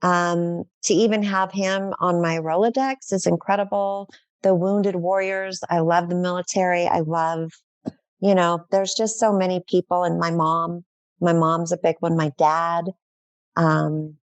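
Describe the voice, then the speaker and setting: A woman's voice: lowish voice, little pitch movement, measured pace, clear, resonant tone, no echo. A middle-aged woman talking as a guest in a casual podcast interview, enthusiastic and effusive, rambling with fillers.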